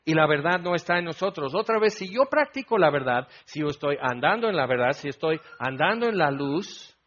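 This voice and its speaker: A man's voice: fairly high pitch, animated, fairly quick, fairly bright tone. A man preaching a conversational sermon, asking the congregation rhetorical questions and acting out the voices he quotes. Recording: dull lo-fi sound.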